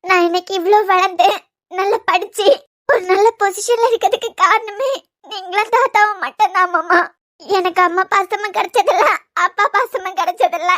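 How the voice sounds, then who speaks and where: A woman's voice: very high-pitched, fairly even intonation, moderate pace, fairly bright tone. A woman voicing a heartbroken young woman raised by her grandparents, pleading in a Kanyakumari Tamil accent, in a cartoon serial. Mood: tearful. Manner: tearful, pleading.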